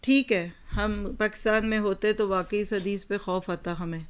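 A woman's voice: medium pitch, steady tone, smooth. A woman giving an Islamic lecture, telling a story and asking her listeners rhetorical questions, with English words mixed in. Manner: mixes English words into Urdu. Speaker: religious teacher. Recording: dull lo-fi recording.

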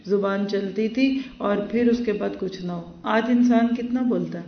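A woman teaching a Quran lesson, reciting Arabic verses and then explaining them in a measured way, with stories along the way. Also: mid-range voice, slight background noise. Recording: roomy, distant, dull lo-fi recording.

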